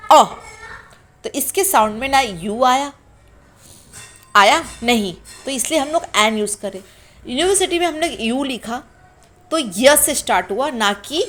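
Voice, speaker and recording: A woman teaching an English grammar lesson to beginners, sounding out letters slowly and asking the class questions. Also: a little high. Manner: slow, drawn-out sounding of letters.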